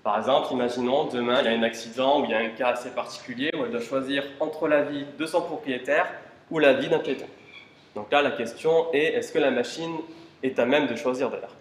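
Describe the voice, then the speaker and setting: A man's voice: mid-range voice, brisk. A man giving an informal talk at a tech conference, asking the audience rhetorical questions and dropping casual fillers. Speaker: conference speaker. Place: conference room. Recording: roomy hall with faint ambience.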